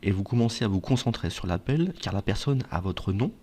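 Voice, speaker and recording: A man whose voice sits on the low side and sounds a little mellow talks expressively and a bit fast. He gives viewers advice in a semi-scripted, conversational explainer, often raising questions and supplying his own answers.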